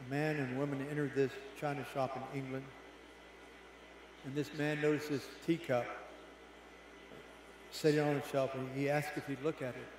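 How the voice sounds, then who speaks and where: A man's voice: little pitch movement, moderate pace, long pauses, a little hiss or hum. Preaching man in a very echoey church. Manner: drops to a soft, low voice on key phrases. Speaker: pastor. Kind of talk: sermon with storytelling. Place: church sanctuary. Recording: very echoey sanctuary, faint ambience.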